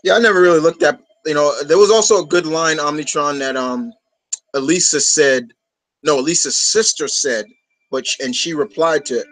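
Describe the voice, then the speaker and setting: A man's voice: a little high, moderate pace, fairly bright tone, dry recording, rough recording. A man from New York hosting a fan discussion, chatting casually in a rambling, enthusiastic way. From New York, United States. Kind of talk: casual chat.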